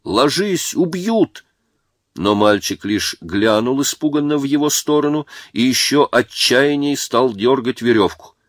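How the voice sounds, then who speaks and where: A man reading a war story aloud as narrator, in a measured and dramatic way. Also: mid-range voice, no room sound, studio quality.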